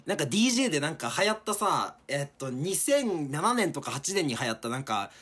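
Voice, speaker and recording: A man's voice: fairly high pitch, sing-song, fast, a bit bright, husky. A young man co-hosting a podcast in casual comedic banter, teasing his partner playfully and dropping into silly bits. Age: young adult. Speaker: podcast co-host.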